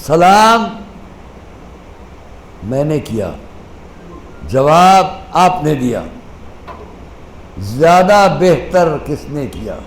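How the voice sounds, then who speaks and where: A man preaching a sermon at a mourning gathering with an Indian Urdu accent, drawing out quoted scripture slowly and dropping to a soft voice for acted exchanges. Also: a little high, very animated, slight background noise. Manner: impassioned, stretches Quranic phrases slowly, drops to a soft voice to act out exchanges. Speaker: maulana preaching at a majlis. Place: mourning hall. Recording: echoey hall, faint ambience.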